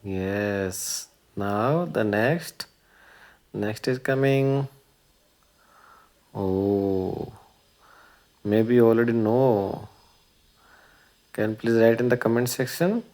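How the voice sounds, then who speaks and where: With a fairly low, slightly mellow voice, a man talks extremely slowly and pauses often. He's the presenter of a children's learning video, giving simple educational narration in brief phrases and regularly quizzing young viewers with questions.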